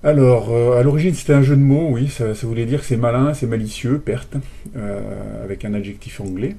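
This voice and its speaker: A man teaching an online course, explaining slowly with frequent fillers and restarts. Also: medium pitch, vocal fry, mellow. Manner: hesitant, many fillers and restarts. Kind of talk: recorded online lecture.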